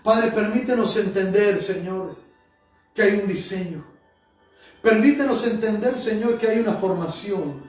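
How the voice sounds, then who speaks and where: Man, pastor praying aloud, high voice, fervent, distant mic, big church echo, soft music behind. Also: unhurried. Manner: fervent, repeating Señor and Padre between phrases. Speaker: pastor and prophet. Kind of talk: sermon and spoken prayer. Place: church sanctuary. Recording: echoey church hall from a distance.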